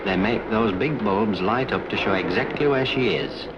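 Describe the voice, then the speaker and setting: A man's voice: lowish voice, normal speed, noisy background. A man narrating a scripted 1950s documentary as a railway official, in a conversational, wry storytelling way. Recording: dull 1950s film soundtrack with music.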